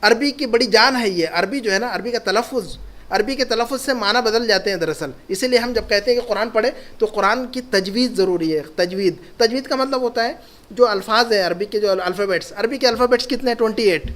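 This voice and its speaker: High-voiced man teaching a class. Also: fairly bright tone. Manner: encouraging, repeats key points. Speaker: Arabic teacher. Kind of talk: classroom lesson.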